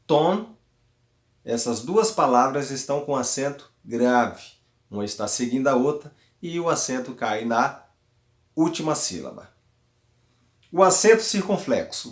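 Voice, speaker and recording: A man giving a recorded grammar lesson as a teacher, explaining patiently and repeating words slowly syllable by syllable. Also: medium pitch, reverberant. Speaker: Greek teacher.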